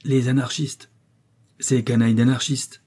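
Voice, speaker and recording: A man's voice: mid-range voice, flat delivery, unhurried, dark tone, breathy edge. A man reading a storybook, voicing a pale, morbid male stranger who speaks with fervent insistence.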